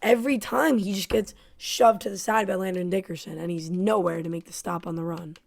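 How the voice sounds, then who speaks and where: A woman's voice: on the low side, fairly even intonation, fairly quick, creaky, a little mellow. A woman giving play-by-play commentary on her own football video game, frustrated and self-critical. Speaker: gaming YouTuber.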